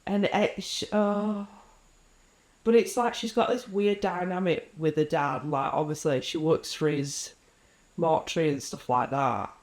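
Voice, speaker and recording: A woman's voice: deep voice, steady tone, a little slow, darkish tone. A young woman co-hosting a podcast, chatting playfully and sarcastically about a horror book, swearing casually. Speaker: podcast co-host. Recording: roomy echo.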